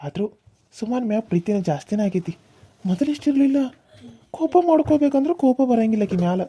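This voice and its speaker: A young village husband in a cartoon reasons with his mother and wife in a coaxing, mildly exasperated way, voiced by a woman. The voice is mellow and quick, recorded close and dry. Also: fairly high pitch, animated, breathy edge, dry recording. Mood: musing. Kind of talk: cartoon serial voice acting.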